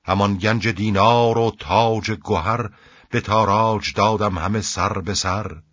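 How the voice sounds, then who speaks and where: A man with a low, husky voice reciting the lament of a grieving young princess in classical verse, in a measured, rhythmic chant. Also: fairly bright tone, no echo. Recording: dull, lo-fi dry recording.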